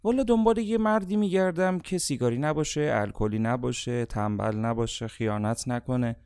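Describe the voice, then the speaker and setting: A man voicing a young woman who flatly lists what she does not want in a partner. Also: mid-range voice, clean tone, no echo, studio quality, lightly acted. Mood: matter-of-fact.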